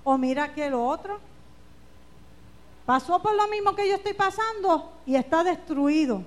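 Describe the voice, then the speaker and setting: A woman preaching a fervent church sermon, calling out hallelujahs and shouting scripture. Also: very high voice, lively intonation, unhurried. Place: church sanctuary.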